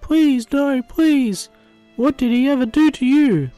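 A man voicing a frightened little girl who pleads in a high, squeaky voice. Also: slow pace, mellow, dry recording, soft background music. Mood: pleading.

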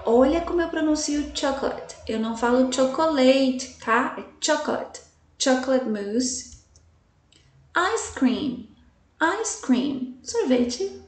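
A woman's voice: high voice, expressive, a little mellow. A woman teaching English vocabulary to Portuguese speakers, enunciating each word carefully and checking in with her students often. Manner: slow, careful enunciation with repeated examples. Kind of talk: slide-based language lesson. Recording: echoey room, voice from a distance.

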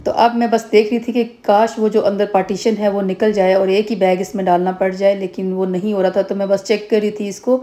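A woman in her thirties from Pakistan talks through a casual home vlog into a phone camera held close. Her voice is warm and dark and stays even, with little rise and fall. She rambles along with many fillers and restarts. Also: mid-range voice, a little fast, few pauses. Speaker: vlogger. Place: home, indoors.

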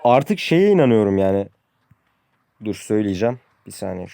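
A man's voice: fairly low pitch, very animated, normal speed, vocal fry, mellow, no echo, studio quality. A young man giving casual gameplay commentary to his viewers, complaining at length about weak weapons and losing matches. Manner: frustrated, ranting about the game; addresses viewers as friends, says "abi" often. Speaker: gaming youtuber.

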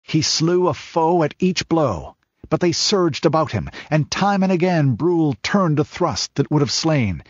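A man reading a dark fantasy tale as audiobook narrator, measured and dramatic, rising as the battle scenes build. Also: fairly high pitch, big pitch swings, no echo. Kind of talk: scripted narration. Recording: dull lo-fi audiobook recording.

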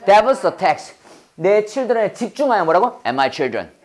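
A man's voice: high voice, takes it slowly. Chatty male teacher running repeat drills. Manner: animated, chatty, laughs often, asks the class questions. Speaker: Bible English teacher and pastor. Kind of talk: classroom English lesson with call-and-repeat drills.

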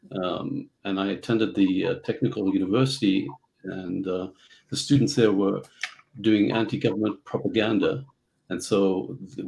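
A middle-aged man from Central Africa, telling his story as a guest on a video call, halting with many fillers. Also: lowish voice, vocal fry, a little mellow, rough recording. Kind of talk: casual interview storytelling. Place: home office.

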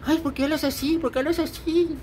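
A man in his late fifties puts on a prissy, scandalized woman's whine, pitched well above his own voice. She gasps in mock offense and plays the victim. Her tone is shrill and petty. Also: fairly even intonation, a little fast, darkish tone, a little hiss or hum. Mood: mock-offended. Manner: whining, prissy, mock-shocked.

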